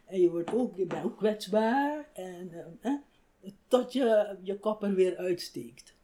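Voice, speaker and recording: An older woman, a writer, telling stories in a relaxed conversational interview, animated and laughing often. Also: medium pitch, slow. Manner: animated, acts out quoted voices, laughs often. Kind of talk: reflective conversational storytelling.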